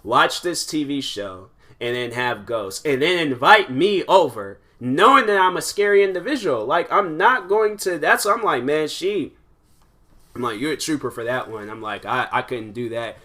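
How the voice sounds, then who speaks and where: A man's voice: a little high, animated, moderate pace, sharp tone. A man in his twenties hosting his own podcast alone, rambling casually with lots of "like" and restarts. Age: 20s. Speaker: podcast host. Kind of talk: casual solo podcast monologue.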